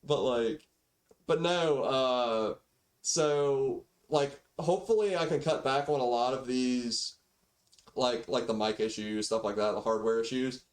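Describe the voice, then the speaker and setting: A man's voice: medium pitch, unhurried. A man chatting casually as a game livestreamer, rambling in slangy, mildly grumbling talk on a cheap default microphone. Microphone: default backup microphone after main mic failed.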